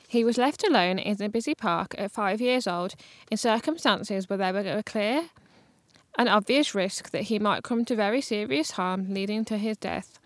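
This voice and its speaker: A woman reading a court news report aloud, steady, with the occasional stumble and restart. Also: medium pitch, dry recording. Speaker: news reader.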